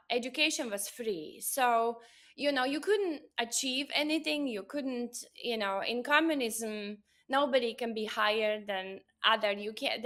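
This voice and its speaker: A woman's voice: a little high, fairly bright tone. A woman in her forties from Latvia with a Latvian accent, a doctor telling her story in an earnest interview. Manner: earnest, storytelling, frequent "uh" and "you know". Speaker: guest, doctor of Oriental medicine. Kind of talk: interview conversation.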